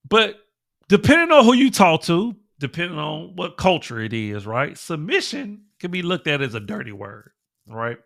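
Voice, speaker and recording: With a sing-song, somewhat high voice that's gravelly and a bit bright, an American man speaks at a moderate pace in a dry, clean studio recording. He hosts his own show, offering casual conversational commentary through a stuffy nose and repeatedly checking in with "right?" and "okay?".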